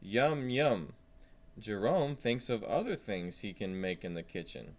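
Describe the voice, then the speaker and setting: A man with a lowish, animated voice reads a science lesson aloud to young children at a slightly slow pace. He stresses key words and keeps prompting his listeners with simple questions as he goes.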